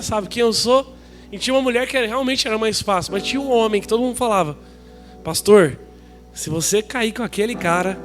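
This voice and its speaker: A young Brazilian pastor with a notably high voice tells a story from the pulpit, acting out the dialogue as he goes. Soft music plays faintly behind him. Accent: Brazilian Portuguese. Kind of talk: sermon storytelling.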